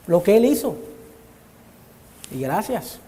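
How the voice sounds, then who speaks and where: A man's voice: sits high, big pitch swings, takes it slowly, warm tone. A man preaching a Bible study sermon in an earnest way, often calling his listeners brother, speaking in a church hall. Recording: long church-hall reverb.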